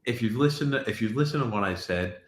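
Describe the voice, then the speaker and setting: A man's voice: lowish voice, expressive, fast. A man co-hosting a casual hockey commentary, blunt and argumentative, recorded on a backup mic in a new room that sounds echoey. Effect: echoey room sound from an unconnected mic. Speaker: co-host. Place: new room, set up not finished. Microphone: external mic not hooked up, backup mic.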